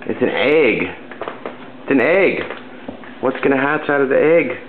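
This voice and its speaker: A man's voice: mid-range voice, lively intonation, a little slow, a little hiss or hum. Man on tinny old camcorder audio. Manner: playful, coaxing. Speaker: parent filming a home video. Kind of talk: casual home video narration, coaxing a child. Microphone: built-in camcorder mic.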